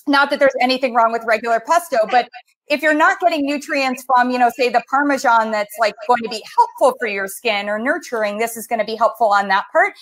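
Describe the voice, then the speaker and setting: A chatty woman dietitian talking through a cooking demo over a video call, her voice sitting a little high. She rambles warmly through asides, fillers and restarts. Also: a little fast. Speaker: dietitian co-host. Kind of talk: casual cooking demo chat.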